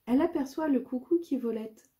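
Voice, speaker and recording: A woman reading a children's audiobook, lively and expressive. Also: high voice, brisk, slightly rough. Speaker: storyteller.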